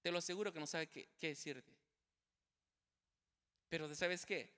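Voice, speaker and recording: Male pastor, high bright voice, emphatic sermon delivery with repeated phrases, long church reverb. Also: fairly even intonation, unhurried. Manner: emphatic, repeats key phrases, addresses the congregation directly. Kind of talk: preaching a sermon. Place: church sanctuary.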